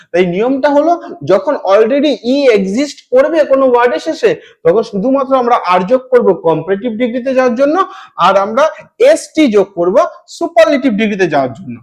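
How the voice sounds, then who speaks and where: A young man teaching an exam-prep grammar lesson, repeating each rule and spelling words out letter by letter. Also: extremely high pitch. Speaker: English teacher.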